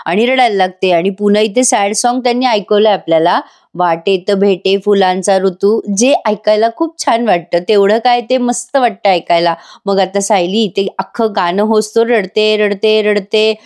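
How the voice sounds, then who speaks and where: A woman's voice: medium pitch, moderate pace, hardly any pauses, darkish tone. A woman narrating a voice-over episode recap, chatty and teasing, talking straight to her viewers. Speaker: serial review narrator.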